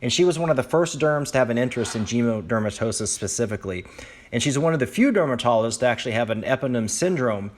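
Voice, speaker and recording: A man's voice: medium pitch, lively intonation, fast. A man, a dermatologist, presenting a history lecture to colleagues at a conference, telling stories about notable figures. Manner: admiring, storytelling lecture delivery.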